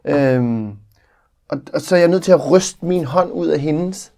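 A man's voice: a little high, a little mellow. A man in his thirties chatting casually as a podcast co-host, teasing and laughing often. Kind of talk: casual chat.

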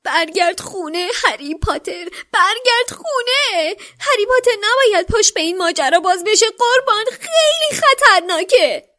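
A woman voicing a small, wretched male house-elf who wails, squeaks and stammers in a tearful frenzy, in a dramatic book reading. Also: lively intonation, sharp tone, full character voice. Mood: pleading tearful.

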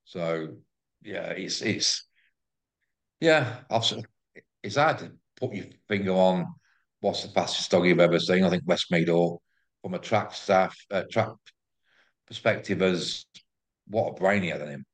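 Interview guest: English man, deep voice, effusive casual chat, repeats himself for emphasis. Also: a little slow, long pauses. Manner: effusive, repeats words and phrases. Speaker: interview guest, greyhound track promoter.

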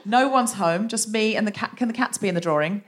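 A woman hosting a casual comedic chat in a jokey, enthusiastic and expressive manner. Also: mid-range voice, a little fast.

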